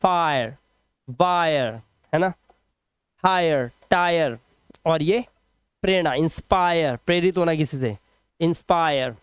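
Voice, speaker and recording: A man teaching English phonics rules in a video lesson, patiently repeating example words slowly and quizzing the viewer. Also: on the high side, smooth, no room sound.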